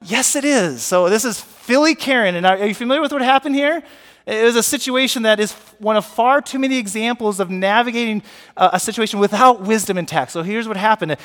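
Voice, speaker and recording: A man preaching a sermon as pastor, animated and often asking his congregation questions. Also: sits high, long reverb tail. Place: church sanctuary.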